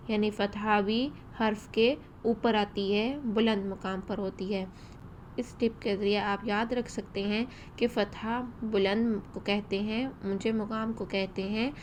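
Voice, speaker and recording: A woman with a fairly high voice gives a recitation lesson, drawing out each vowel to show how it should sound. She explains step by step, with faint noise behind her. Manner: slow, careful demonstration of vowel sounds. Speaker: Quran recitation teacher. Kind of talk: tajweed lesson.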